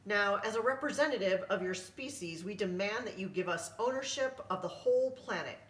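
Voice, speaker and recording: A woman's voice: mid-range voice, animated, brisk, a bit bright, close to an everyday voice. A woman voicing grumpy green globby aliens in a stiff, demanding, formal way. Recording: roomy, distant mic.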